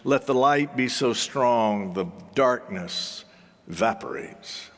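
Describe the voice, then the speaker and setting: A man preaching a sermon in deliberate, solemn phrases, with rhetorical repetition and dramatic pauses. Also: mid-range voice, fairly bright tone. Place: large reverberant hall or sanctuary. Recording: long hall reverberation.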